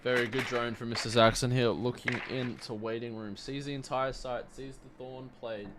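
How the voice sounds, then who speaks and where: A man doing esports play-by-play commentary on a shooter match, in a caster's manner that moves between tense build-up and excited calls. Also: medium pitch, normal speed, noisy background.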